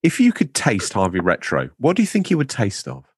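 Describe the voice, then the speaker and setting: A man's voice: mid-range voice, wildly swooping pitch, brisk, breathy edge, dry recording, clean studio sound. A man hosting a podcast in casual chat, reading out listener comments with playful, rambling asides. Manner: playful, rambling, theatrical emphasis. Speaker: podcast host.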